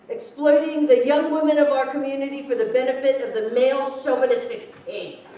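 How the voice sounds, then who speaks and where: A wry grown daughter, played by a woman in a stage reading, with a fairly high, mellow voice and a conversational way of talking. It is picked up from afar in a very echoey hall. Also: close to an everyday voice. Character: Sharon, dry, wry grown daughter and schoolteacher. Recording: echoey hall, distant mic.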